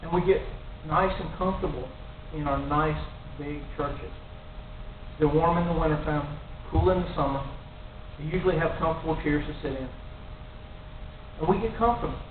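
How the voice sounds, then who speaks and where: This is a fairly high-pitched middle-aged man, a lay preacher, delivering an earnest sermon at a moderate pace and rising to emphatic warnings. He stands before a cross in a small church room, mouth near a stand mic. Sound quality is tinny and echoey, distant, with light hiss.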